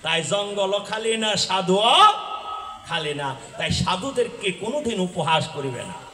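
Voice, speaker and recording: Brief: male devotional storyteller, high bright voice, preaching and quizzing, echoey venue. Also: animated, unhurried. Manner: explains and quizzes audience, bursts into shouts. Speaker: folk religious storyteller-singer. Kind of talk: devotional folk drama preaching.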